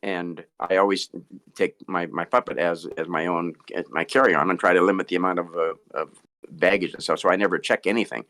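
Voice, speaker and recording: A man's voice: deep voice, a bit bright. A middle-aged man tells stories as a ventriloquist guest in a casual interview, stammering over repeated words and chuckling. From Boston.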